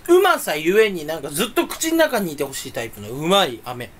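Young male vlogger, self-mocking chatter, fairly high, swinging voice, faint hiss behind. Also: sing-song, fairly quick. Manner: playful, self-mocking muttering with sudden loud outbursts; talks while sucking candy. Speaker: YouTuber. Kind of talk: rambling solo chat.

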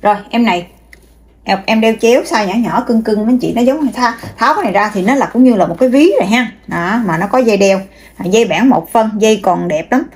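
Lady showing off bags for sale, kinda husky, chatty, lots of fillers. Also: a little high, fast talker, a little mellow. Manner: chatty, addresses viewers directly, many fillers. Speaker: online seller. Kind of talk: casual product showcase.

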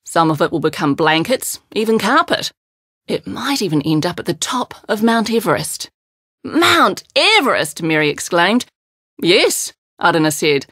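A woman's voice: lowish voice, lively intonation, normal speed, husky, no echo, clean studio sound. A woman with a New Zealand accent narrating a children's storybook, voicing the characters expressively.

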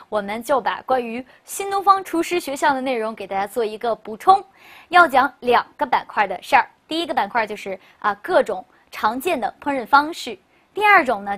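Brisk woman teacher leading word drills. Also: fairly high pitch, fairly bright tone. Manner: brisk, leads repeat-after-me word drills; chatty, asks rhetorical questions. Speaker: English teacher. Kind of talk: recorded classroom lecture.

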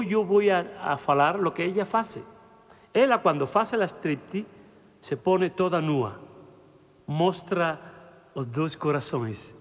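Male comic, high voice, live joke telling, reverberant hall. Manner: mixes Portuguese into Spanish, laughs at own jokes. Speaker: stand-up comedian telling jokes. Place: live show before an audience.

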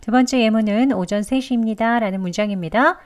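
A woman teaching English pronunciation, explaining patiently and modelling sounds slowly. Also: a little high, clear, resonant tone. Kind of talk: pronunciation lesson.

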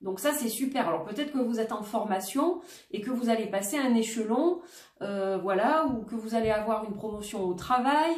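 A woman doing a daily oracle card reading for her viewers, gentle and reassuring, often repeating herself. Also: a little high, lively intonation, normal speed, far from the mic. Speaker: tarot and oracle card reader. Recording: roomy echo, voice set back from the mic.

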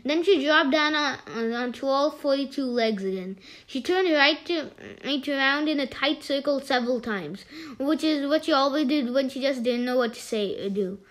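A woman's voice: sits high, lively intonation. A woman reading a children's story aloud, often stumbling and restarting words. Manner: halting, with frequent restarts.

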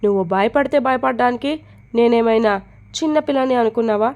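A woman voicing a feisty, sharp-tongued young woman in a storybook reading, sassy and defiant. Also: a little high, fairly quick, lo-fi sound, lightly acted.

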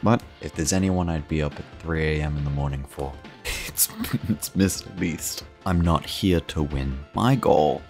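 A sleepy young man talking in a hushed, mumbled voice late at night. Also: a bass voice, moderate pace, soft background music. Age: young adult. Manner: quiet and mumbled.

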